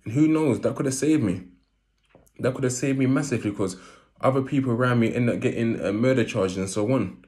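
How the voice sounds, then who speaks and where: A man's voice: medium pitch, a little fast, a little mellow. A man with an urban London accent and roadman street slang delivery, telling personal stories casually and repeating phrases for emphasis. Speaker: vlogger. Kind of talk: casual personal storytelling to camera.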